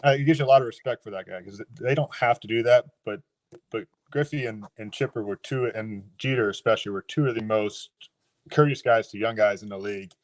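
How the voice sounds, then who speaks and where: A man in his thirties, a former baseball catcher, talks in a casual remote interview. He speaks reflectively and haltingly, with frequent restarts. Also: fairly low pitch, no echo.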